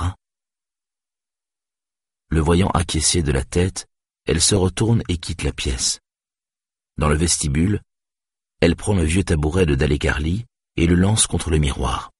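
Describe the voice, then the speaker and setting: A man narrating an audiobook in a measured, steady way. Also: extremely low pitch, slightly rough, dry recording, clean studio sound. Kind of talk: scripted narration.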